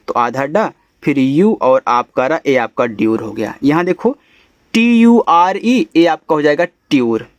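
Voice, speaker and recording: Higher-voiced male teacher, dry close sound. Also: no room sound. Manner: spells letters out slowly, then drops to say the word. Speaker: English teacher. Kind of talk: phonics lesson explanation.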